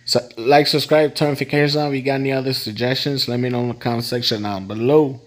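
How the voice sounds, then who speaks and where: A man's voice: medium pitch, fairly even intonation, fast. A young man hosting a casual reaction video, talking in a laid-back, slangy way. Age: young adult.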